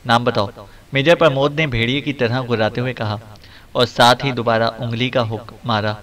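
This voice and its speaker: A man narrating a spy thriller audiobook at a middle pitch. He keeps a steady, dramatic storytelling pace. The reading sounds unhurried and even.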